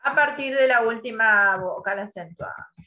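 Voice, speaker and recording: A woman teacher leading an online class, patiently quizzing students and spelling out sounds slowly. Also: a little high, sharp tone, a little hiss or hum. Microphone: video call. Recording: muffled online call audio.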